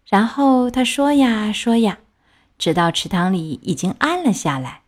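A woman gently reading a children's story aloud in an expressive way. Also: mid-range voice, a little slow.

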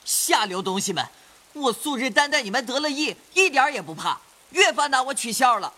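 A woman voicing a pampered, quick-tempered young male noble heir in an audio drama. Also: lowish voice, big pitch swings, fairly bright tone, slightly rough, heavily acted. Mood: angry scolding.

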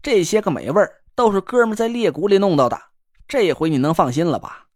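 A man's voice: high voice, animated, fast talker, darkish tone, dry recording, studio quality. A man voicing a cocky, joking young man who teases his friend while cooking. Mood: boastful. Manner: teasing, boastful, chatty slang. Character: cocky joking young male camp cook. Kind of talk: audiobook character voice.

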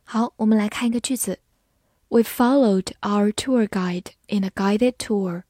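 A woman teaching English vocabulary in a scripted lesson. She speaks, spells words out letter by letter and reads example sentences slowly and clearly. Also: mid-range voice, warm tone, no echo, studio quality.

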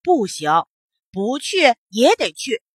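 A woman's voice: on the high side, big pitch swings, slow, husky, no echo, clean studio sound, heavily acted. A woman voicing a cross old male monkey in a children's storybook, scolding in a huffy way. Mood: stern.

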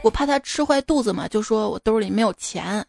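Woman radio host, upbeat comic anecdotes, slightly high voice, faint music bed. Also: expressive, a little fast, creaky, a little mellow. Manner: chatty, amused anecdotal delivery. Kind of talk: comic storytelling.

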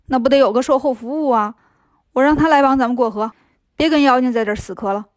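A woman voicing a cheeky, boastful male monkey king in a storybook reading, joking and brisk. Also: high voice, no room sound, studio quality, close to an everyday voice.

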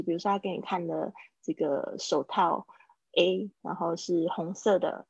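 A woman runs a live online English class in a low, gravelly voice, patiently breaking each phrase down and repeating it slowly. The sound is dull and lo-fi, with a dry, close computer-mic feel and no room echo. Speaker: English teacher. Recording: dull lo-fi dry stream audio.

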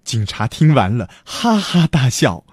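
A man reading a children's picture book aloud as a storyteller, with a lively delivery. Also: medium pitch, a little slow, husky, dry recording, clean studio sound.

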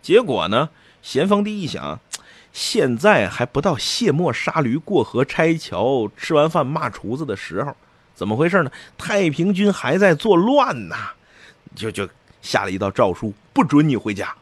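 A man's voice: a little high, big pitch swings, moderate pace, husky, no echo. A man giving a colloquial, jokey storytelling history lecture.

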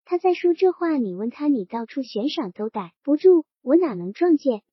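A woman's voice: high-pitched, sing-song, moderate pace, no room sound. Woman reading as a blunt, scolding young officer. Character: angry young male army officer son. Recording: dull, dry lo-fi recording.

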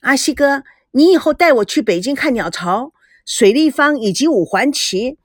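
A woman's voice: high voice, normal speed, no echo, clean studio sound. A woman voicing a spoiled, chatty teenage granddaughter who wheedles and teases. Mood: excited chatty. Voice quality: bright, coaxing, lively.

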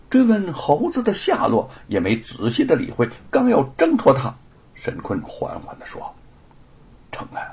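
A male storyteller narrating a historical novel with great expression, dropping to hushed tones and rising loudly. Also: a little high, slightly rough. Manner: very expressive, swinging between hushed and loud.

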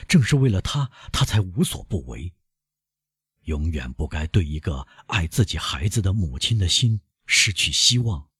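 A man's voice: low-pitched, fairly bright tone, breathy edge, dry recording, clean studio sound, heavily acted. A man voicing an anguished, guilt-ridden middle-aged male prosecutor in an audiobook, with frantic, self-accusing outbursts. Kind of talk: audiobook character voice.

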